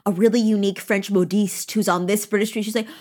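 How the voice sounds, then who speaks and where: A woman co-hosting a casual book podcast, animated and swearing freely as she acts out quotes from the story. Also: medium pitch, fast. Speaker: podcast co-host.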